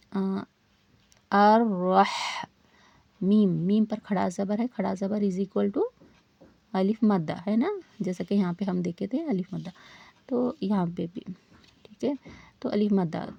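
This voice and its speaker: A woman teaching Quran recitation in a patient step-by-step lesson, repeating each rule and pausing to ask her learners questions. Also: medium pitch, gravelly, dark tone, breathy edge, dry recording, lo-fi sound. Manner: slows down to model Arabic sounds.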